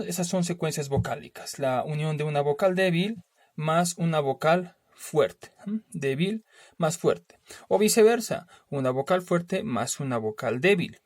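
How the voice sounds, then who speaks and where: A man teaching a spelling lesson, explaining slowly, repeating himself and adding little questioning tags to check that his students follow. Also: fairly high pitch, no room sound, clean studio sound.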